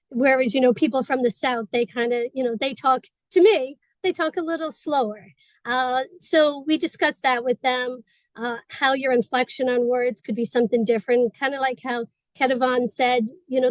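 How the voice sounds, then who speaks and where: A woman on a webinar panel, chatty and quick, explaining how she trains staff over a video call. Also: high voice, fairly even intonation, dry recording, low-quality recording. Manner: chatty, fast-paced explaining. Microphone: video call mic.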